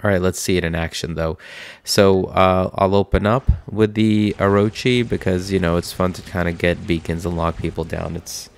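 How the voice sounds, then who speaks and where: A mobile game video host with a cold talks through gameplay in a stuffy, nasal voice, rambling casually and packing in fillers. His voice is deep, his tone steady, and his speed normal.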